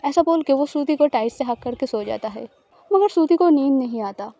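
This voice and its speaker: A woman narrates a romantic audio story in a steady, even storytelling way. Her voice sits high, with a mellow, darker tone that takes the edge off. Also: fairly quick.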